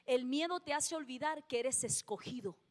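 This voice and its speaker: A woman preaches an emphatic sermon in a very high voice, hammering her key phrases and putting questions to the congregation. Her words trail off into a long church-hall reverb. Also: moderate pace.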